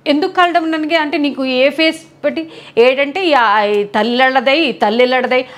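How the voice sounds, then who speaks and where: A woman's voice: sits high, normal speed. A middle-aged woman with a Vizag Telugu accent, speaking candidly and emphatically as an interview guest. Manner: emphatic, animated, quotes others in lively voices. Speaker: interview guest, mother of a contestant.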